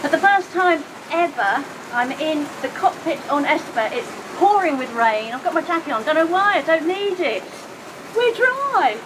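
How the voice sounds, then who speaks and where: A woman gives casual vlog commentary to camera from a boat. Her voice is high and very lively in its melody, with clear background noise from the water and vessel. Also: moderate pace, hardly any pauses. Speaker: sailing vlogger. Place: sheltered cockpit of a sailing boat. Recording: noisy boat cockpit in rainy weather.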